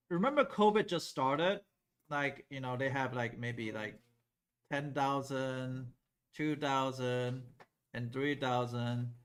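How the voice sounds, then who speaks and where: A middle-aged man from Taiwan teaching a math class in a classroom, lively and asking the class questions. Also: mid-range voice. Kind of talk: classroom lecture at a whiteboard.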